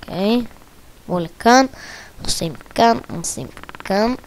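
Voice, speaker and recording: A woman talks through her own gameplay in a let's play. Her voice sits at a middling pitch. She mutters quiet asides under her breath, then breaks into loud, excited strings of repeated exclamations. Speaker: gaming video creator.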